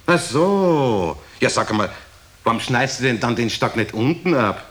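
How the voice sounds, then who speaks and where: A man's voice: medium pitch, expressive, measured pace, a bit bright. A man voicing a chatty, curious aristocrat who keeps prying with eager questions. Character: chatty curious Viennese aristocrat friend, middle-aged man. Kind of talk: comedy record joke telling.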